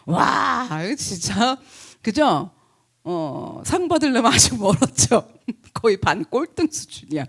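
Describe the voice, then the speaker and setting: Woman pastor preaching, high voice that jumps all over, keeps asking the crowd questions. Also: slow, gravelly, breathy edge. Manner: animated, asks the congregation questions, acts out quotes, laughs often. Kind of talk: lively sermon.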